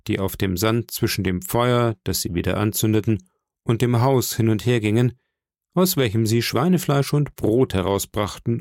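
A man narrates an audiobook in a calm, measured way. His voice has a gravelly edge, recorded dry and close. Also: fairly low pitch, dry recording. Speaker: audiobook reader. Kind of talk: audiobook reading.

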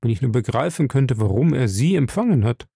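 A man voicing a stout, composed office manager in an audiobook, measured and confiding. His voice is dark and a little gravelly, recorded close and dry. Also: mid-range voice, lively intonation, dry recording. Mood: calm. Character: calm, stout middle-aged office manager.

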